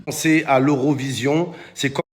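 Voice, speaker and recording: A man's voice: medium pitch, fairly even intonation, moderate pace. A male comedian, ranting to camera in slangy, rowdy banter and calling out to the guys. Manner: rowdy slangy banter, addresses viewers as "les gars". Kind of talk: comic rant to camera.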